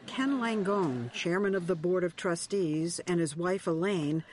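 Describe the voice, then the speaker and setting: A woman correspondent narrating a news segment in a measured, scripted way. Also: on the low side, expressive, crowd noise.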